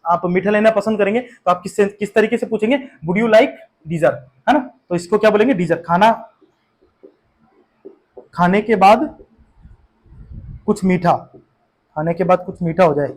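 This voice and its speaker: A man teaching English vocabulary for an exam, explaining in a patient, repetitive way with frequent fillers and check-in questions, and an Indian English accent. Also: sits high. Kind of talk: exam-prep vocabulary lesson.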